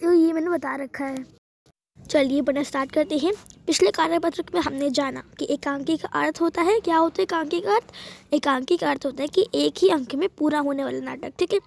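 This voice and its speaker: A woman's voice: high voice, gravelly. A woman hosting a school lesson, explaining a worksheet patiently and repeating key phrases. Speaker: teacher, channel host.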